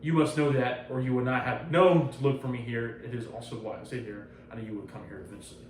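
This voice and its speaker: A man's voice: medium pitch, fairly even intonation, quick pace, slight background noise, lightly acted. A man voicing a pompous, self-important male Jedi hermit in a lofty, solemn tone while retelling a comic. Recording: roomy echo, distant mic, faint ambience.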